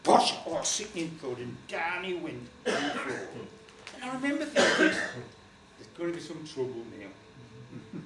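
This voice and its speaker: Over a noisy crowd, an older man at a small folk club stands and gestures broadly while telling a rambling, chatty comic story with lots of asides. His fairly high voice is sing-song at normal speed, heard through a far camera's roomy, distant audio.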